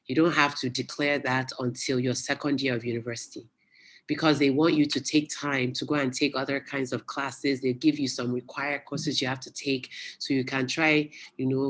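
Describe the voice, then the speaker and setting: A guest speaker giving a casual, chatty motivational talk to young people over a video call, telling stories with lively exclamations. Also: medium pitch. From United States. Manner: chatty, animated storyteller with local exclamations. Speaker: guest speaker at youth webinar.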